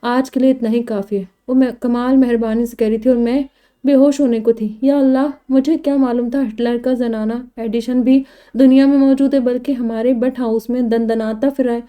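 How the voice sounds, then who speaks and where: A woman reads a comedy novel aloud in first person, in a lively storytelling manner. Her voice is very dark and mellow, set a little high. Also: moderate pace, clear, resonant tone. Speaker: novel reader. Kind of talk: scripted audiobook narration of a comedy novel.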